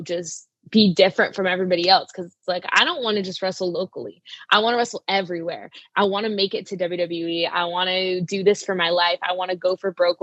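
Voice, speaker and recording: A woman's voice: medium pitch, fairly bright tone, no room sound, dull audio. A young woman wrestler talking casually in an interview, with lots of "like" fillers. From Arizona. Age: young adult. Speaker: wrestler guest.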